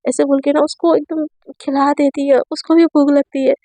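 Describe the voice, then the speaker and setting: A woman telling a serialized romance story in a chatty, animated way, talking to her listeners as friends. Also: high voice, normal speed, no room sound. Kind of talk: casual serialized story narration.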